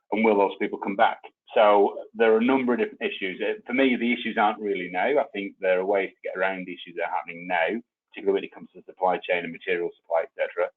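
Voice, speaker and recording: A man's voice: deep voice, breathy edge. A man speaking as a panelist in an online webinar, thoughtful and hedging with frequent ums and restarts. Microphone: video call. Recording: tinny phone-like line.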